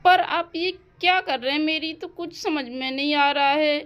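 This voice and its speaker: A woman's voice: high voice, moderate pace, fairly bright tone. A woman voicing a strict mother in a doll-house cartoon story, nagging and scolding her daughter.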